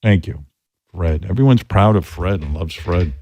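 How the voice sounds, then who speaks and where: An older man hosting a radio show, ranting in an animated, profane, mock-indignant way during casual banter. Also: deep voice, moderate pace.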